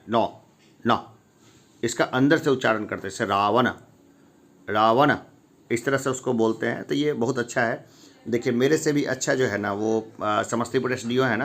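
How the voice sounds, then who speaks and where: A man takes learners through a grammar lesson in an easygoing way. He reads each wrong form aloud, asks his listeners what the right one should be, and answers himself. His voice sits at an ordinary middle pitch. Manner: reads each wrong form and then the correct one, asking rhetorical questions. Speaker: Hindi grammar teacher. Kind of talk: informal spoken lesson.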